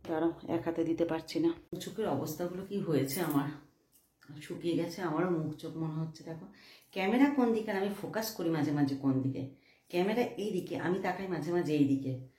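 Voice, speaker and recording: A woman's voice: deep voice, moderate pace, dark tone. A middle-aged woman chatting casually to her viewers at home at night, telling a story, recorded on a phone camera. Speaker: vlogger. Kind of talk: casual vlog chat to viewers. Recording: roomy home echo.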